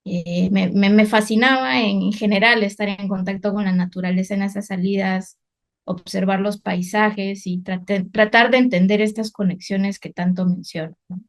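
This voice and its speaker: A woman's voice: medium pitch, fairly even intonation, moderate pace. A woman in her thirties from Guatemala, an environmental researcher telling her career story in a reflective, unscripted way with frequent fillers and restarts.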